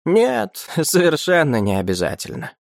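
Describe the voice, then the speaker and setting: Smooth, amused schemer voiced by a male reader, slow and lilting, rather high. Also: very animated, dry recording, studio quality, heavily acted. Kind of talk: audiobook character voice.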